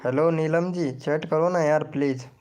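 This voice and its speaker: A man's voice: a little high, darkish tone. A man hosting a live stream in casual chat, teasing viewers and reading their comments aloud. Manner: slow, teasing, chatty banter with viewers.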